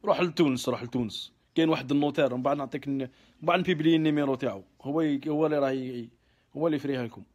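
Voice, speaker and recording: A man's voice: a little high, steady tone, very fast, darkish tone, dull audio. A man with an Algerian Arabic accent hosting a casual live question-and-answer stream. He mixes in French words, answers offhandedly and gets heated when he vents.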